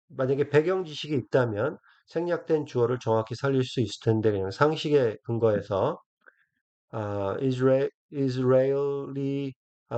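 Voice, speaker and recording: Guy teaching translation, slow and deliberate, kinda dull muffled recording. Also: medium pitch, darkish tone. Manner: slow, drawn-out English phrases between brisker explanations, many fillers. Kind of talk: recorded lecture on Korean-English translation.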